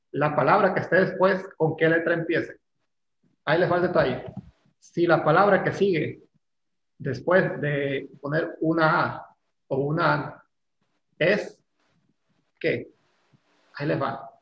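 Male teacher, fairly high gravelly voice, casual and teasing, echoey lo-fi room recording. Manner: casual, teasing, explains step by step. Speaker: English teacher. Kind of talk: online class lecture. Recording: echoey room, dull lo-fi sound, faint noise.

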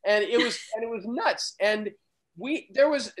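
High-voiced excitable male storyteller. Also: a little slow, poor audio. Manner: excitable, vivid storyteller who gets loud. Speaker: surf photographer, guest. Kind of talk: animated storytelling in a conversation.

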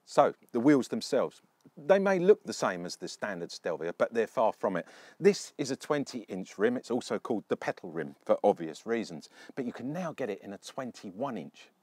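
A man's voice: lowish voice, sing-song, normal speed, darkish tone, no room sound. A man presenting a casual car review walkaround outdoors beside a car, chatty and storytelling, often asking the viewer questions.

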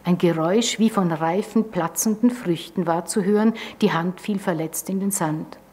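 A woman with an Austrian German accent giving a calm, measured reading of a literary prose text. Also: lowish voice, slightly rough. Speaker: author reading.

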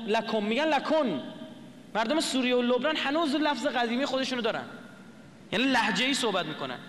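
A man's voice: very high-pitched, a bit bright, big-room sound. A man lecturing to an audience, explaining a script letter by letter and asking the listeners questions.

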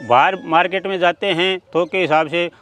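A man's voice: high voice, fairly even intonation, fairly quick, fairly bright tone. A middle-aged man, a poultry farmer explaining his work earnestly, step by step, in an outdoor interview. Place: outdoor farm among chickens. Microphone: handheld mic at mid distance. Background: chickens clucking and crowing.

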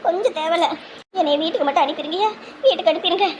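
Woman acting as a shrill old grandmother, very high voice, wailing, complaining, comic sketch. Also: very fast, slight background noise. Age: older. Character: whining old grandmother faking a leg injury.

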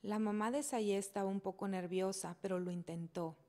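A woman reading a children's chapter book aloud in a gentle, steady storytelling manner. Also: medium pitch, normal speed. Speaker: reader.

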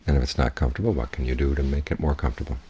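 A Buddhist teacher with a husky bass voice gives a guided meditation talk, offering measured, plainspoken instruction in a steady, warm tone. The audio is dull, with a little hiss or hum.

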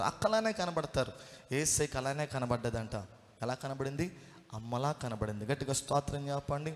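A man preaching a fervent sermon. He asks questions and answers them himself, and keeps calling for praise. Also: medium pitch. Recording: long hall reverb.

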